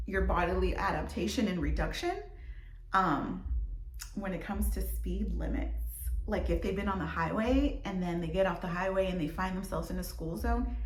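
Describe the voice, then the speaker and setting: A woman's voice: lowish voice, slight background noise. Chatty woman teacher in an echoey room. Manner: chatty, loose, with many fillers and restarts. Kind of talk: casual classroom talk to kids on video.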